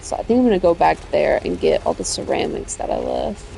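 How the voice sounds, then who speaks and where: A woman's voice: low voice, wildly swooping pitch, brisk, creaky, mellow, a little hiss or hum. A woman chatting casually on a livestream while she plays a video game, rambling and self-correcting as she talks and laughing easily.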